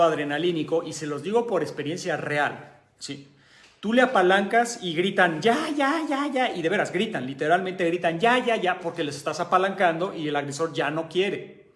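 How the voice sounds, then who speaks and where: A man's voice: fairly high pitch, fairly bright tone, reverberant. A man with a Mexican accent, an aikido instructor telling a personal story with emphasis, repeating phrases to stress them. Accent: Mexican Spanish.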